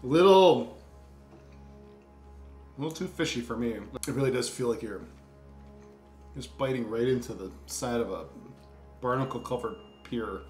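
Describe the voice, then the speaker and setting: A man's voice: medium pitch, moderate pace, long pauses, darkish tone, reverberant, soft background music. A man co-hosting a casual food tasting, chatty and jokey, reading labels aloud. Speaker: co-host.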